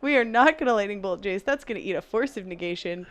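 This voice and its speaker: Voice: medium pitch, expressive, fast talker, a bit bright. A commentator calling a card game match in a playful, teasing and theatrical way.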